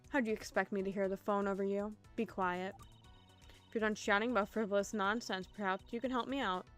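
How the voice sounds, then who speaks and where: A woman's voice: medium pitch, natural voice. A woman voicing a haughty, impatient young woman who talks down to others in a curt manner. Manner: curt, condescending.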